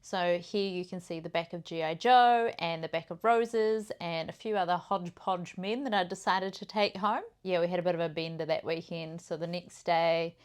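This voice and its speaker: A woman's voice: on the low side, fairly even intonation, normal speed, few pauses, smooth. A woman, hosting a podcast and chatting cheekily through party photos. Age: 30s. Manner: cheeky, loud, laughing. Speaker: podcast host. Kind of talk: casual chat showing photos.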